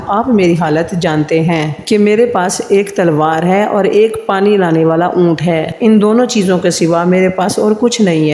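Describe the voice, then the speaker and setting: A reverent storytelling voice with a dark, mellow tone, reading a scripted account at an even, steady pace. The sound carries a long, roomy reverb, as if it were recorded in a large echoing space. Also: mid-range voice. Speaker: narrator of religious history stories. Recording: reverberant, echoey room with long tail.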